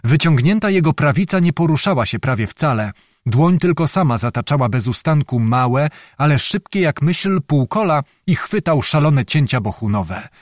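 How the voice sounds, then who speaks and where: A man reading a historical novel aloud in measured, dramatic scripted narration. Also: fairly high pitch, lively intonation, no echo, studio quality. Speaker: audiobook narrator.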